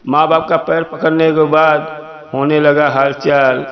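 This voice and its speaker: A man telling a moral story to a devotional congregation in a plain, unhurried way. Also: a little high, flat delivery, dull audio.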